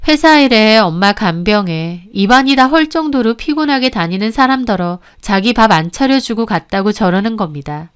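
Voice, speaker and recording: A woman's voice: mid-range voice, animated, normal speed, hardly any pauses, clear, resonant tone. A woman telling a first-person story in plain, matter-of-fact narration.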